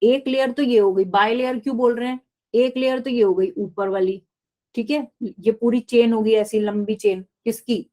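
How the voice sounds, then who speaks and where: A woman's voice: a little high, fairly even intonation, normal speed, dark tone. A woman teaching biology in a live online class, explaining step by step and often asking the class questions.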